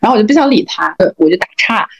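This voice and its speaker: A woman co-hosts a casual podcast chat, telling animated stories at a quick clip. She quotes the people she describes as she goes. The recording sounds dull and lo-fi. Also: medium pitch, vocal fry. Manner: animated storytelling, quoting others. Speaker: podcast co-host. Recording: dull lo-fi audio.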